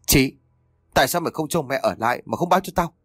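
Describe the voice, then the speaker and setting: A man voicing an enraged, hot-tempered grown son who shouts in rapid bursts in an audio story. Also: a little high, expressive, slightly rough, no room sound, studio quality, soft background music, voice pushed up. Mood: furious.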